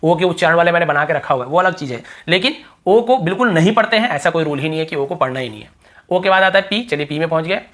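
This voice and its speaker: A male teacher talks through a spoken lesson at an even, patient pace. He pronounces each example word deliberately and says it two or three times in a row. He keeps stopping to ask the listener whether it is clear. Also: fairly high pitch. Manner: repeats example words slowly, drawn out, several times; asks the viewer quick check questions. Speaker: English teacher.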